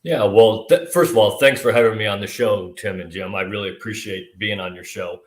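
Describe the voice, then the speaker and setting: Older man with low voice in echoey room. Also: fairly quick. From Northern Illinois. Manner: friendly, conversational. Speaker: guest, retired army officer. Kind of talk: interview answers. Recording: roomy echo.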